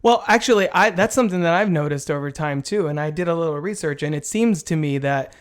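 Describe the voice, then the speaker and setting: Higher-voiced male podcast guest explaining. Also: fast talker. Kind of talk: casual movie chat.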